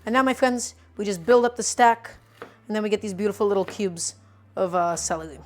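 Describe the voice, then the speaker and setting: A woman in her twenties streams herself cooking casually, narrating each step while she chops and teasing the people watching. Her medium-pitched voice holds a steady tone, and her pace is a little fast.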